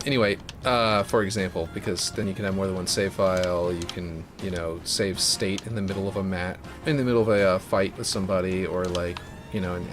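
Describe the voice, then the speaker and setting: With music in the background, a man with a fairly deep voice chats casually on a live stream as he builds a game map. He rambles, using many fillers and restarts.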